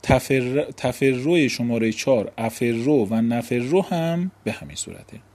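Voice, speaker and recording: A man's voice: medium pitch, darkish tone. A man teaching an Arabic grammar lesson, explaining step by step and asking and answering his own questions.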